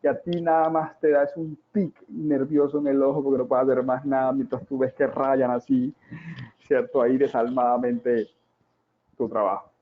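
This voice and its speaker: A man in his forties giving a talk on child development, dramatic and full of rhetorical questions and drawn-out repetitions. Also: medium pitch, level tone. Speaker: parenting educator. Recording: tinny, phone-like sound.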